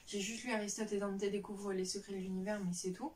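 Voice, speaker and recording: A woman's voice: medium pitch, little pitch movement, fast talker, darkish tone, far from the mic, slight background noise. A young woman chatting casually about books on a vlog, rambling with lots of fillers and restarts. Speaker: book vlogger. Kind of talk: casual chat.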